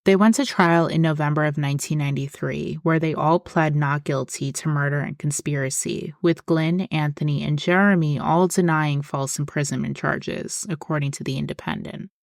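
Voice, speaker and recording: A woman hosting a podcast, reading a scripted true-crime narration in a measured, explanatory way. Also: low-pitched, steady tone, dry recording, studio quality. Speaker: podcast host.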